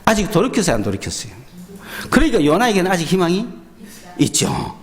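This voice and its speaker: A male pastor with a Gyeongsang Korean accent, preaching a sermon in an animated storytelling way, often asking the congregation questions. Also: sits high, quick pace.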